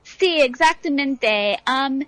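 American-accented woman, high-pitched, careful non-native Spanish. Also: animated, fairly bright tone, dry recording, poor audio. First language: English. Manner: careful, halting speech with mistakes. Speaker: university anthropologist and event organizer, interview guest. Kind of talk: interview answers in careful second-language Spanish.

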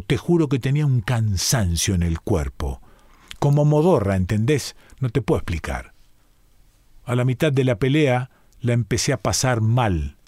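A man's voice: mid-range voice, darkish tone, no room sound, studio quality. Rioplatense man reading a musing monologue. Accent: Rioplatense Spanish. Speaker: reader performing a monologue. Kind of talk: dramatic first-person story reading.

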